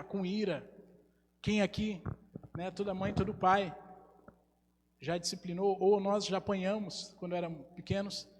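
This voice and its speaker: A man preaches with a voice pitched high for a man. He speaks earnestly and keeps putting questions to the congregation. The live church recording carries a long reverb and a faint hum. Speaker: pastor. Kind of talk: sermon. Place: church hall.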